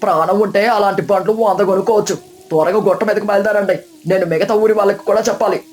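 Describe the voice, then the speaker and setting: A woman voicing an old village elder man who shouts urgent, breathless warnings. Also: mid-range voice, fairly even intonation, fast, close to an everyday voice.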